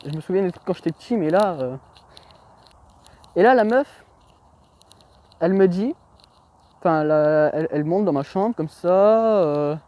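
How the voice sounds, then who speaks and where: A man's voice: high voice, animated, measured pace, long pauses, mellow, dry recording. A young man telling anecdotes in a rambling, slangy, self-mocking vlog, full of hesitations. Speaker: vlogger. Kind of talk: casual storytelling vlog.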